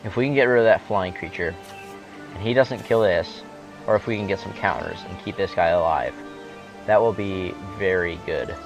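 A young man with a deep, low voice talks through a card game in relaxed, wry commentary. He thinks aloud with plenty of fillers and has the hiccups. Loud music plays behind him. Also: normal speed, lo-fi sound. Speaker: gamer. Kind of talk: casual gameplay commentary.

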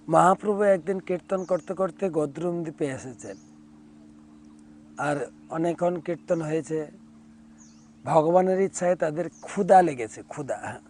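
A male monk giving a devotional sermon, retelling a sacred story in vivid, unhurried detail. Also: fairly high pitch, slight background noise. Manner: breaks into call-and-response chanting. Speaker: monk preacher.

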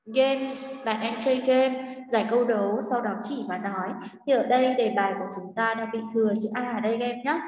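A woman's voice: fairly high pitch, fairly even intonation, fairly quick, few pauses, darkish tone, echoey room, big-room sound, far from the mic, low-quality recording. A woman teaching English vocabulary to young children, patiently repeating each word. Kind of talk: workbook lesson for young children.

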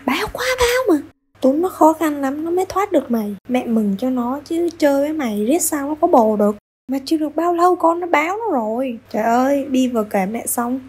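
A woman's voice: high voice, expressive, a little fast, a little mellow. A woman voicing a teasing, scolding mother in an amateur game drama. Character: nagging teasing mother, sharp-tongued.

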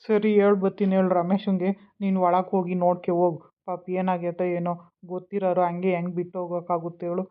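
A man's voice: high voice, monotone, fast, clean tone, natural voice. A man voicing a concerned, helpful village man in a cartoon, speaking earnestly. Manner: earnest, rustic. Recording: tinny phone-like sound.

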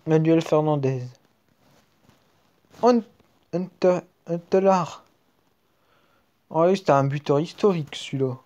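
A man with a French accent commenting casually as he opens card packs in a video game, muttering between loud excited outbursts. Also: on the high side, takes it slowly, pauses often, dull audio. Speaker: gaming video creator. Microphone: screen-recording app mic.

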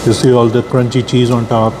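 A man casually reviewing food for a vlog, talking while chewing, with unhurried, matter-of-fact tasting comments. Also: mid-range voice, flat delivery, noisy background.

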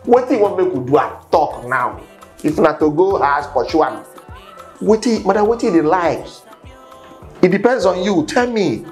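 Comic begging young man, Nigerian Pidgin accent, lively pitch, music behind. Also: normal speed. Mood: pleading. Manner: comic, pleading, shifting pitch. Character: cheeky broke young man, talks his way out. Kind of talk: comedy skit acting.

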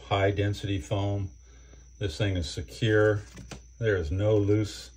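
A man's voice: lowish voice, gravelly, breathy edge. An older man casually reviewing batteries at an indoor workbench, speaking plainly and filling his talk with fillers. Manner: relaxed, plain-spoken, with fillers. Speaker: channel host reviewing batteries. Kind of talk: casual hands-on product review.

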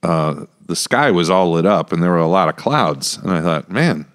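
A middle-aged American podcast host talks casually, thinking out loud into a close studio mic on a stand in a small room lined with acoustic panels. His voice is low, smooth and expressive, at a normal pace.

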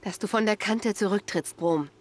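A young huntress speaks in a calm, reassuring way, voiced by a woman in a video game dub. Her voice is husky and of middling pitch, and she sounds steady and persuasive. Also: moderate pace, natural voice.

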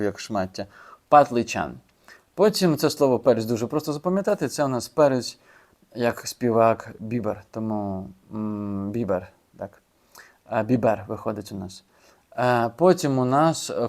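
A man's voice: medium pitch, a little mellow. A man casually explaining how he learns vocabulary, chatty and informal, with fillers and restarts. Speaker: language learner sharing his method. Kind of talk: casual video lesson.

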